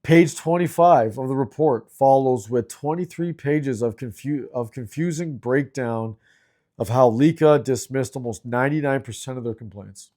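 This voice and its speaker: A man's voice: medium pitch, mellow. A middle-aged man from Canada hosting his own video, ranting angrily and with lots of swearing about complaint agencies. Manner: angry, frustrated, profane. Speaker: video host. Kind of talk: ranting commentary.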